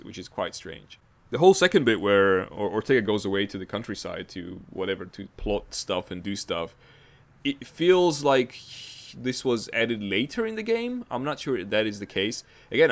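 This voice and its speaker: A man with a very low voice talks through his thoughts on a game in a loose, rambling way. He restarts his sentences often and sounds mildly exasperated. It is casual spoken commentary into a desktop mic. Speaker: game reviewer.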